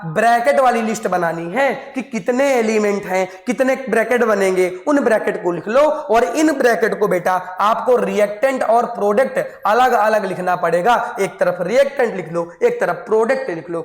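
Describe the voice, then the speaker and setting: A male teacher giving a school science lesson, calling his students affectionately and adding playful asides. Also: high-pitched. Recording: echoey room with long reverb.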